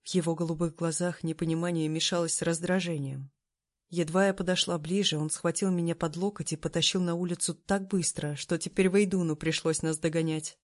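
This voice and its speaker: An audiobook narrator reading a first-person story in a steady, even way. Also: mid-range voice, fairly quick.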